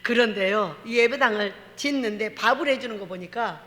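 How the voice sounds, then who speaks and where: A woman pastor preaching a lively sermon, telling stories with laughter and acting out quotes in a church. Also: on the high side, normal speed. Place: church sanctuary. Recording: long hall reverb.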